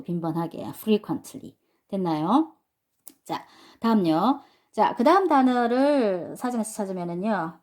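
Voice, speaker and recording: Speaking in a lowish voice with a darkish tone, a woman patiently teaches English pronunciation to adult students. She breaks it down step by step, repeats herself, and regularly asks the class questions.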